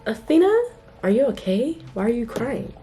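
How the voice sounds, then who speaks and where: Woman reading as gentle teenage boy. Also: fairly high pitch, animated, normal speed, soft background music, pitched above the performer's own voice, close to an everyday voice. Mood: caring. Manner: plain read-aloud of dialogue.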